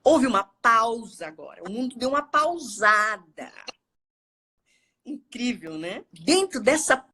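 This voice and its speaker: A woman's voice: on the high side, pushed and bright. A woman with a Bahian Brazilian accent, a therapist talking expressively on a live video call and repeating words for emphasis. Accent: Bahian Brazilian Portuguese. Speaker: guest therapist. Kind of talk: live-stream talk. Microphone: phone or laptop on a live video call.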